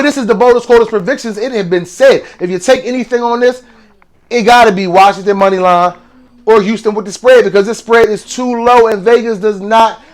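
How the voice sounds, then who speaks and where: A man hosting a casual sports betting picks monologue, excitable and slangy, with sudden exclamations. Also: high-pitched.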